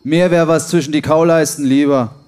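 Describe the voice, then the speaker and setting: A man's voice: fairly high pitch, fairly even intonation, moderate pace, darkish tone, clean tone, lightly acted. An actor playing a hungry, blunt male cellmate, coarse and matter-of-fact. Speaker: prisoner.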